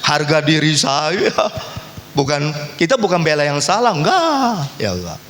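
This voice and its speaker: Animated preaching man in echoey hall. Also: fairly high pitch, measured pace. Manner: animated, acts out quoted voices, teases the congregation. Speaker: pastor. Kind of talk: lively sermon. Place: church hall.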